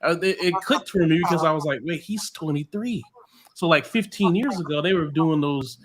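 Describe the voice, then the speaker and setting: A man's voice: a little high, moderate pace, noisy background. A man, co-hosting a podcast in loose, rambling casual commentary full of restarts. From United States. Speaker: podcast co-host.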